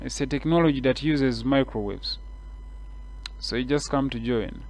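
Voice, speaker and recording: Here a Kenyan-accented man guides his audience through a screen-share tutorial, step after step, at a moderate pace. His voice is mid-range, and he explains things casually, going over points again and peppering his speech with fillers.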